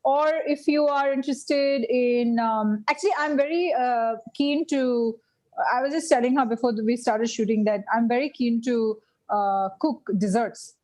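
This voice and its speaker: A woman's voice: a little high, fairly even intonation, a little slow, darkish tone, rough recording. A woman teaching vegan baking in a casual live online class, talking with many fillers and restarts. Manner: hesitant, many fillers and restarts, laughs often. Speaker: guest vegan baking instructor. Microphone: video call.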